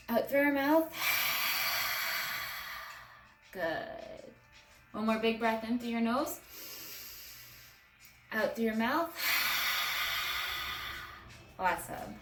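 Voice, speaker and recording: A woman teaching a guided yoga class for children at home, talking in a friendly, encouraging way. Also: on the high side. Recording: echoey room, mic at a distance.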